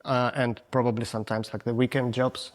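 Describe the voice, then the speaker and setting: Faint music plays behind a man in his forties, a guest photographer with a Russian accent, speaking at a medium pitch in a level tone. He gives casual, frank interview answers in halting non-native English, restarting as he goes.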